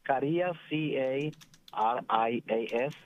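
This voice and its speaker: Man calling in from his car on a tinny phone line. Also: mid-range voice. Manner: hesitant, pausing to search for names. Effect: speaking on the phone from a moving car. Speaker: radio show caller.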